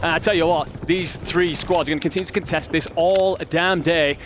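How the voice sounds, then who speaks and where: Quick talking guy esports caster, breaking down the plays, game noise going behind him. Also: a little high, steady tone. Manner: fluent analytical esports caster delivery. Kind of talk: esports analysis and commentary.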